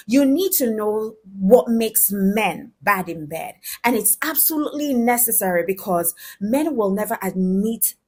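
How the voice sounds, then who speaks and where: A woman's voice: medium pitch, husky. A woman talking frankly and directly to her viewers, giving relationship advice in a conversational way. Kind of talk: direct-to-camera advice talk.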